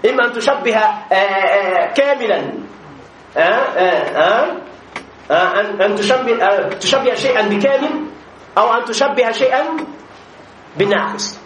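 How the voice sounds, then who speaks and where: A man teaching a grammar lesson to a class, repeating examples slowly with many drawn-out fillers and checking that students follow. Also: high-pitched, fairly bright tone. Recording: echoey room with faint noise.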